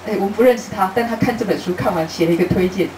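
Her medium-pitched voice racing along, a middle-aged travel writer entertains a book-talk crowd in a bookstore event room. She laughs frequently and acts out the conversations in her stories. The audio is distant, roomy and lightly hissy.

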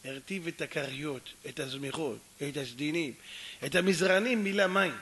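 Male rabbi preaching through a story, bright and sharp, lively delivery. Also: a little high, slightly rough. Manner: animated, addresses audience often, acts out dialogue. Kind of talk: storytelling sermon.

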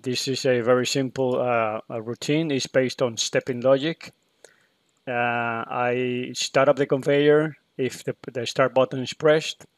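A man's voice: medium pitch, fairly even intonation, measured pace, no room sound. A man explaining his programming in a screen-recorded tutorial, hesitant and full of fillers and restarts. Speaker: PLC programmer demonstrating code.

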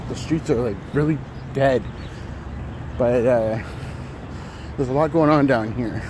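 A man in his thirties chatting casually while walking, a bit out of breath, rambling with many fillers and restarts. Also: medium pitch. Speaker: vlogger. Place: city street outdoors in early morning. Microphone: phone held at arm's length. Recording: phone audio with street noise. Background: traffic and city noise.

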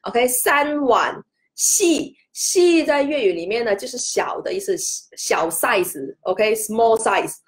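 A woman's voice: a little high, animated, a little slow, hardly any pauses. A woman hosting a casual spoken lesson. She chats, peppers her talk with "OK", and stretches out single syllables to show each tone rising, falling or staying level. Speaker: host and language teacher.

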